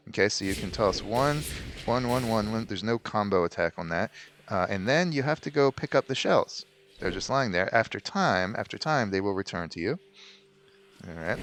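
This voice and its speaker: A man in his thirties giving casual gameplay commentary, slightly hoarse with a low growl, chatty and full of ums and restarts. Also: fairly bright tone. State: voice going hoarse. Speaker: let's play host.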